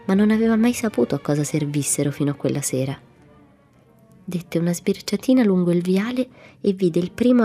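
A woman reading a classic children's storybook aloud in a calm, even manner. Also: fairly low pitch. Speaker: audiobook narrator.

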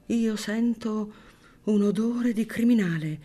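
A woman's voice: mid-range voice, takes it slowly, dark tone, soft background music, pitched above the performer's own voice. A woman reading an audiobook, voicing a sly, pompous middle-aged male lawyer who declaims as if in court. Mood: suspicious.

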